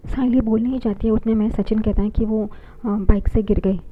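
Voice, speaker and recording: A woman's voice: fairly high pitch, steady tone, moderate pace. A woman narrating a recap of a TV serial episode in a plain, casual storytelling way. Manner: plain storytelling, repeats "here" as a link word. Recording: tinny phone-like audio, faint hiss.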